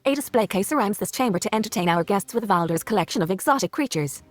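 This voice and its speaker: A dutiful helper robot in a text adventure, stating things plainly and quickly, as a woman reads its lines. Faint music plays behind. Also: medium pitch, lively intonation, close to an everyday voice. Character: polite helper robot in a game.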